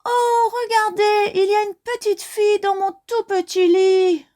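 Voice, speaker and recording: A woman voicing a tiny bear cub in a storybook reading, with a high, piercing little voice. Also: steady tone, a little slow, mellow. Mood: excited. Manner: high squeaky shrill cries.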